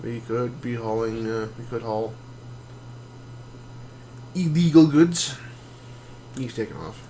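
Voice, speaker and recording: Man, mid pitch, easygoing game streamer, rambling explanations, faint background hum. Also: takes it slowly. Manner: relaxed, rambling explanations with many fillers. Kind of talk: casual gameplay commentary.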